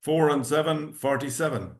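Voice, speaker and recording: An Irish man calling bingo as host, reading out each number digit by digit and then in full, in a measured way. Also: fairly high pitch.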